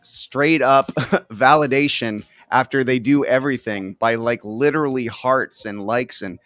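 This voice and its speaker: A man's voice: medium pitch, measured pace, fairly bright tone, dry recording, clean studio sound, faint music behind. A man in his late thirties hosting an interview show, talking loosely with many likes and uhs. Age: 30s. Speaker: show host. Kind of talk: casual interview chat.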